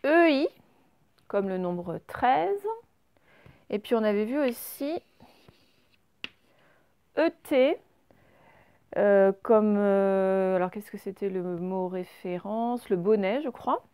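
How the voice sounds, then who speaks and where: A French-accented primary school teacher gives young pupils a slow, patient spelling lesson, stretching out the example words. Her voice is medium in pitch, warm, and smooth.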